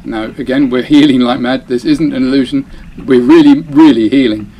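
The sailor's dark, middle-pitched voice moves at a moderate pace as he talks over video of his own race, casual and self-mocking, frequently stopping mid-phrase to begin again. Faint sounds of the boat and water run under the poor audio.

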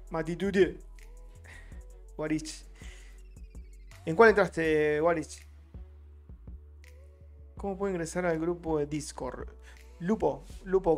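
Rioplatense man, live stream commentator; chatty, greets the chat, gravelly tone with soft music behind. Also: a little high. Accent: Rioplatense Spanish. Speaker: trading streamer.

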